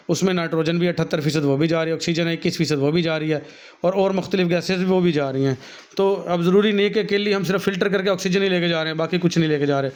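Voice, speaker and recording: A male teacher with a Pakistani Urdu accent, reading from a textbook and then explaining each point to his students in his own words. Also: high-pitched. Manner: reads a passage, then explains it warmly to students, calling them "beta". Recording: dull, lo-fi recording.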